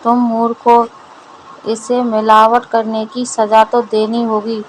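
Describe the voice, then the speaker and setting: Woman doing a stern village moneylender, gruff and threatening, storybook reading, fairly high and flat. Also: takes it slowly, slight background noise, rough recording. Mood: angry.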